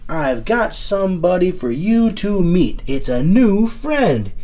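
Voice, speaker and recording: A woman's voice: fairly low pitch, big pitch swings, slow pace, dark tone, exaggerated voice. Woman voicing an eager young pup leader. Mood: encouraging. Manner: upbeat, rallying.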